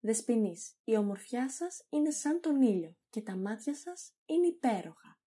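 A woman's voice: a little high, sing-song, dark tone, breathy edge. A woman voicing an awkward young man reciting stilted compliments.

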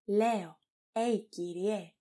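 A woman's voice: fairly high pitch, big pitch swings, mellow, husky. A woman reading a cheeky, outspoken maid. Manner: blunt, teasing. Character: cheeky, outspoken female servant.

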